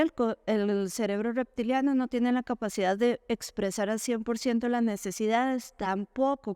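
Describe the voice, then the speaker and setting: Woman explaining, crisp clear voice. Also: darkish tone, dry recording, studio quality. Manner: explanatory, asks the audience questions and answers them; acts out quoted parents and children in a higher voice. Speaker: school talk speaker for parents. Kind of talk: educational talk to parents.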